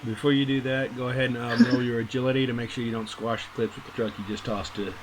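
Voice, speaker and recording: A man running a tabletop game as game master, calmly describing the scene and calling for rolls. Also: medium pitch, fast talker. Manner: relaxed, instructive, with fillers. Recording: noisy home mic.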